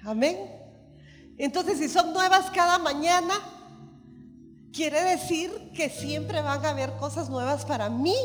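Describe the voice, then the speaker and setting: Woman preacher, high voice, reverberant hall, soft music behind. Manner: emphatic, repetitive preaching with calls of amen. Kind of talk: sermon.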